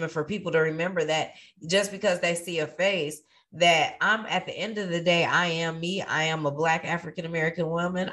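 A woman's voice: lowish voice, pushed and bright. A woman hosting a podcast, speaking to her guest in an affirming, encouraging manner. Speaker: podcast host. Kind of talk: casual conversational interview.

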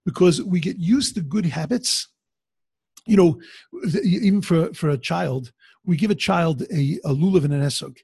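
A man giving an informal religious lecture like a teaching rabbi, conversational and halting, repeating phrases and posing questions that he answers himself. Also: on the high side, vocal fry, mellow, slightly rough, no echo.

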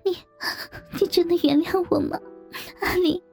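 Narrator doing a timid young wife, high, stammering, tearful, soft music behind. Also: female voice, fairly even intonation, very slow, creaky, heavily acted. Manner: trembling, stammering pleas. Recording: faint background music.

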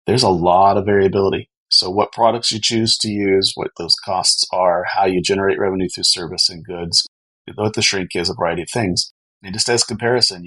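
A man's voice: fairly low pitch, fairly bright tone, breathy edge, poor audio. A man speaking as an expert podcast guest, explaining things earnestly and conversationally. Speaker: podcast guest, company co-founder.

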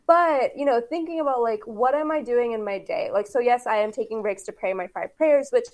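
A fairly high-pitched woman co-hosting a podcast. She chats casually and animatedly. She acts out other people's lines as she tells her stories. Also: brisk. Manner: animated storytelling with quoted voices and laughs. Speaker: podcast co-host.

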